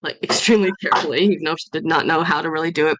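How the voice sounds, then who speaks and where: A woman's voice: low-pitched, steady tone, racing, fairly bright tone, dry recording, rough recording. A woman recapping her character's adventures from a tabletop game session at home, rambling with many fillers and self-corrections.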